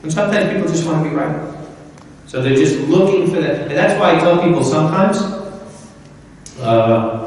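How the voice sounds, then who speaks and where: A man preaching a sermon in a conversational, folksy way, often repeating his points. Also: a little high. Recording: echoey hall from far off.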